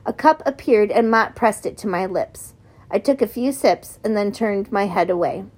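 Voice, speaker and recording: A woman's voice: medium pitch, moderate pace, a little mellow. A woman reading a novel aloud as an audiobook narrator, giving the characters slight shifts in voice.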